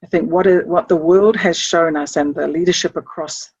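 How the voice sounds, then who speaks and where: A middle-aged woman from Samoa, a chief executive, speaking reflectively to camera and often pausing to search for words. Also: fairly low pitch, steady tone, darkish tone, breathy edge, no echo, lo-fi sound. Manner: thoughtful, searching, with restarts. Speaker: chief executive of a leadership organisation.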